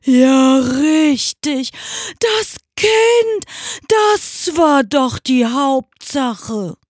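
A woman voicing a loud, simple male ox who wants to drink and sleep in a storybook fable. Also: sits high, big pitch swings, no room sound, studio quality, pitched above the performer's own voice, full character voice. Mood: abashed. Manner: loud, drawn-out bellowing.

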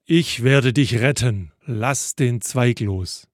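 A man voicing God in a story, speaking calmly and firmly. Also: mid-range voice, takes it slowly, no room sound, studio quality, lightly acted. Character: booming voice of God, calm.

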